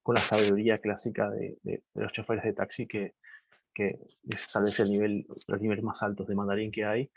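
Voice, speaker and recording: Male teacher, low voice, hesitant storyteller, muffled video call with faint hiss. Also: brisk, vocal fry. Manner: hesitant, many restarts and fillers, animated when telling stories. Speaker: Mandarin teacher speaking at a webinar. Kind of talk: casual explanatory talk with anecdotes. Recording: dull lo-fi video call audio, faint noise.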